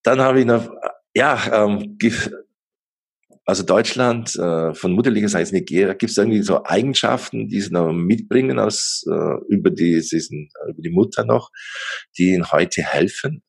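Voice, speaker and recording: A man's voice: on the low side, moderate pace, creaky, husky. A middle-aged man hosting an interview podcast, talking hesitantly with many fillers and restarts. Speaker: podcast host.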